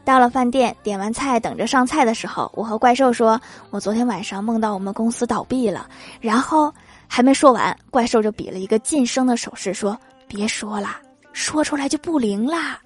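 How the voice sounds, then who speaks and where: Woman, comic podcast host, slightly high voice, faint music under her. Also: brisk, husky. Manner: lively, laughing asides after punchlines. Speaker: podcast host reading jokes. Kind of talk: comic storytelling with acted quotes.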